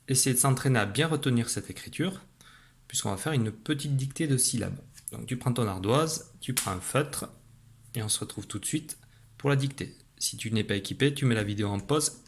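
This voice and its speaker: A man teaching a young pupil a spelling rule in an online lesson, patient and clear, slowing down as he demonstrates. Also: medium pitch. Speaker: primary school teacher.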